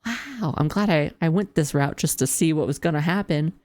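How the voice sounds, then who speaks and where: A woman's voice: sits low, a little fast, a little mellow, no room sound. A woman game streamer reading visual novel narration aloud and adding casual commentary.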